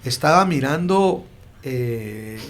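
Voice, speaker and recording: A man, a pastor hosting a podcast who asks thoughtful, gentle questions. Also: mid-range voice, lively intonation, takes it slowly, slight background noise. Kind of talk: interview.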